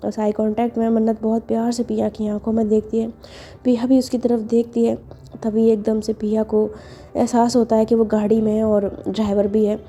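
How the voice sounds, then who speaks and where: A woman's voice: on the high side, mellow. A woman telling a story in a casual, chatty way, with filler words along the way.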